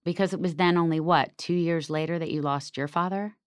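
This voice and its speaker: A woman's voice: lowish voice, fairly even intonation, fairly quick, clean tone, dry recording, studio quality. A woman interviewer who asks earnest, empathetic questions.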